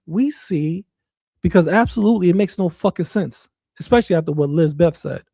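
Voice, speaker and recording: A woman with a dark, mellow tone and a close, dry sound. She comments and argues casually on a livestream, blunt and emphatic, swearing in open disbelief. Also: fairly low pitch, expressive, fairly quick, gravelly, no echo.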